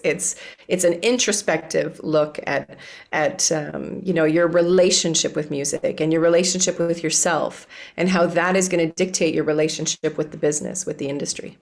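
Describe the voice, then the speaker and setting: A woman being interviewed on a podcast, her voice sitting a little low. She talks with eager enthusiasm, piling up restarts and asides as she tells her stories. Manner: enthusiastic, animated storytelling with many restarts. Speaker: author and music coach, guest.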